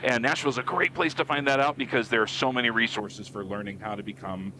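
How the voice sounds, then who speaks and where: Bright-voiced man chatting in a cockpit. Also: medium pitch, quick pace, a little hiss or hum, low-quality recording. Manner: warm, self-deprecating storyteller. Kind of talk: casual chat. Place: small airplane cockpit.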